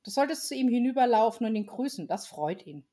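A woman reading the part of Father Christmas's calm, motherly wife in a storybook. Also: on the high side, brisk, pitched above the performer's own voice. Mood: gentle.

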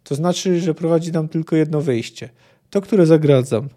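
A man's voice: fairly high pitch, moderate pace, dark tone, close to an everyday voice. A man reading a grim, terse monster hunter. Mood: curt.

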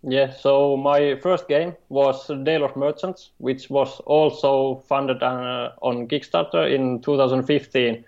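Finnish guy w accent, flat monotone, lots of uhs, kinda dull lo-fi audio. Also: mid-range voice. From Finland. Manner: halting, hesitant, many uh fillers and restarts. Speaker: board game designer, guest. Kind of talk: remote interview.

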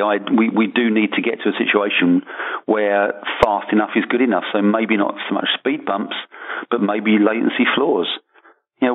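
A man who writes a markets column, talking through an issue in casual podcast chat, hesitant and full of restarts. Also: fairly low pitch. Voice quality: hesitant, many restarts and fillers. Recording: phone-like narrow sound.

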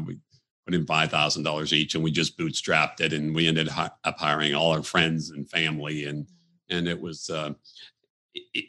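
Low-voiced guy, crisp and bright, chatting as a podcast guest, lots of uhs and ums. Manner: reflective, storytelling, frequent fillers. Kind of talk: conversational interview. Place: office.

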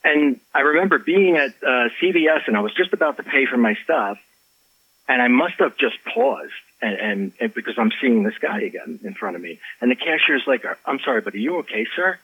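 A man's voice: medium pitch, brisk, breathy edge, no echo. A man, an author and life coach, telling a personal story in an interview, with lots of restarts and acted-out quotes. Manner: animated storyteller, acts out quotes, many restarts. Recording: slightly dull lo-fi audio.

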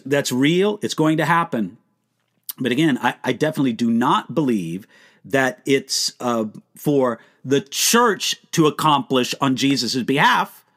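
A man teaching the Bible on a live question-and-answer stream. His somewhat high voice rises and falls with strong expression. He puts rhetorical questions to his listeners in an earnest, emphatic way.

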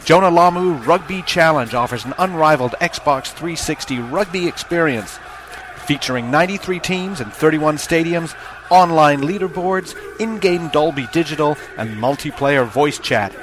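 Higher-voiced man in a hard-sell ad. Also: moderate pace, a bit bright, a little hiss or hum. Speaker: advert announcer. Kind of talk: hard-sell promotional ad read.

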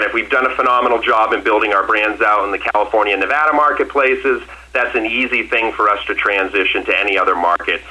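On an earnings call, a Massachusetts man who's a company executive answers questions emphatically and confidently, frequently restarting and repeating himself. His voice is on the low side, pushed and bright, in low-quality audio.

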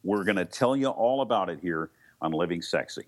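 A man's voice: deep voice, lively intonation, brisk. A man co-hosting a talk radio show in a casual, rambling conversational way.

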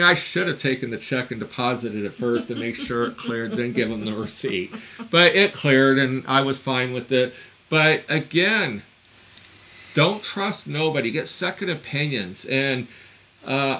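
A man in his fifties co-hosts a casual podcast. He tells his story bluntly and with open exasperation, swearing now and then. His voice is bright and forceful and sits at an average pitch for a man. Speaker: podcast co-host.

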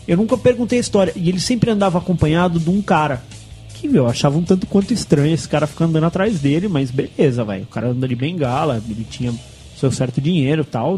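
Male storyteller, casual and animated, slightly higher voice, faint music behind. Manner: animated, acts out quotes, laughs often. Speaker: podcast guest telling a story.

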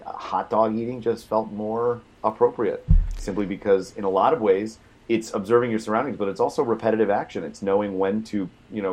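A man's voice: on the low side, darkish tone, slightly rough. A man co-hosting a casual gaming talk show, joking with a dry, sarcastic humor. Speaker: podcast co-host. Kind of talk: casual chat.

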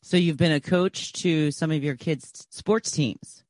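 A man's voice: fairly high pitch, a little slow, a little mellow, no echo. A man hosting an interview podcast, giving brief, encouraging reactions and prompts. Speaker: podcast host.

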